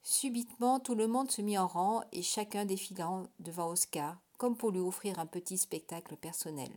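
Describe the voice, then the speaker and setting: A woman reading a children's story aloud. Her narration is expressive, lifting for wonder and dropping to a soft, breathy hush in suspenseful moments. A steady, engaged storytelling voice. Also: medium pitch, normal speed. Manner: expressive, hushed in tense moments.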